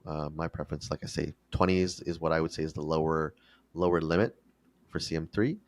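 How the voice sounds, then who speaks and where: A man's voice: extremely low pitch, brisk, a little mellow, no echo, clean studio sound. A man explaining financial figures step by step, in a didactic interview style. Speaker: finance expert guest, fractional CFO. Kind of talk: explanatory interview talk with numbers.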